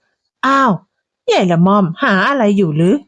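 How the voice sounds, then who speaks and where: A woman's voice: medium pitch, lively intonation, measured pace, dry recording. A woman voicing a gossipy old neighbor woman who chats and soothes.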